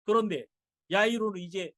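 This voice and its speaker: A male pastor giving a sermon and telling the story in a dramatic, animated way. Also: high-pitched, normal speed, no echo, studio quality.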